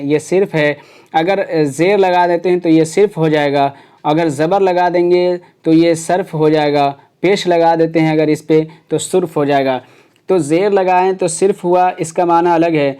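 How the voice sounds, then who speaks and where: Male teacher, warm relaxed tone, hesitant step-by-step exam explainer. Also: on the high side, clear, resonant tone. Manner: explains step by step with many fillers. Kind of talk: exam prep lecture.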